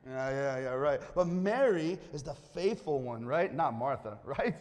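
A man's voice: mid-range voice, a little slow. A man preaching a sermon in a church, reading scripture aloud and calling on the congregation to answer back. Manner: lively, calls on the congregation to respond. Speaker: pastor. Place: church hall. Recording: long hall reverb.

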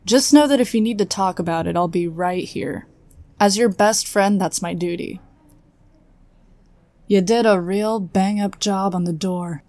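An actress voices a loyal, protective guardian in a sci-fi audio drama, sounding frank and teasing like a close friend, supportive in mood. Her mid-range voice is warm, natural, and a little slow, recorded with no echo.

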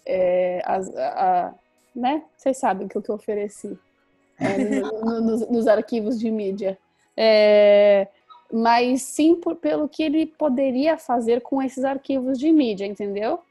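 A woman's voice: fairly high pitch, measured pace, dark tone, faint music behind. Rambling woman with many fillers. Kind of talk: casual group chat.

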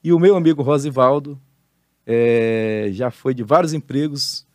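A man's voice: medium pitch, measured pace, no room sound, studio quality. Older man telling a spirited testimony. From Brazil. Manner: animated testimony, preacherly emphasis. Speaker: pastor and retired marine, guest. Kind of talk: casual interview storytelling.

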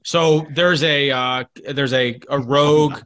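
A slightly tipsy man in a casual hobbyist chat, rambling and halting as he searches for words and swearing freely. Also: mid-range voice, fairly even intonation, fairly bright tone. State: a little tipsy. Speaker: home gym roundtable panelist.

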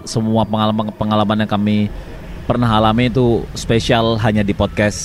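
A man's voice: fairly low pitch, level tone, normal speed, slight background noise. A man from Indonesia co-hosting a podcast in casual chat, repeating phrases for emphasis. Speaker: podcast co-host.

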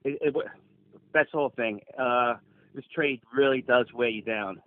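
A man's voice: medium pitch, moderate pace, dry recording. A man in his fifties, an HVAC technician, chatting easily as a podcast guest and telling stories. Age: 50s. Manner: easygoing, rambling storyteller. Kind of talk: casual podcast chat. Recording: tinny phone-like line.

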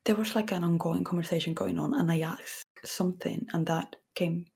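Woman, soft-spoken guest, husky, fry in her voice, often whispers. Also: fairly low pitch, steady tone, normal speed. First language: Spanish. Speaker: podcast guest, ASMR creator. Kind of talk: casual podcast chat.

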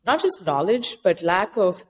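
Speaking unhurriedly in a fairly low, sing-song voice, this woman is an author advising immigrant founders, here as an interview guest. Her advice is practical and explanatory, delivered conversationally, with hall-like echo and obvious background noise in the recording.

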